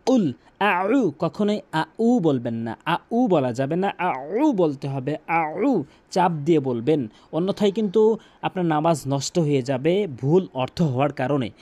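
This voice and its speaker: High-voiced man teaching Quran recitation. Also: animated, dark tone. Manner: drills pronunciation, repeating words slowly and stressed. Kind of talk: recitation lesson with slow chanted examples.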